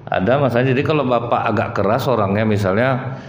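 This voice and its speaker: A man preaching a lively storytelling sermon, calling his listeners Pak and Bu. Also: medium pitch, fast, a little hiss or hum. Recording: echoey hall, dull sound.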